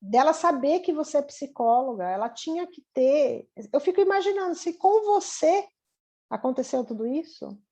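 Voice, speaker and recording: A woman's voice: high voice, animated, normal speed, dark tone. A woman, a psychologist, talking casually as she teaches, reflective and full of tag questions. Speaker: psychologist leading a training session.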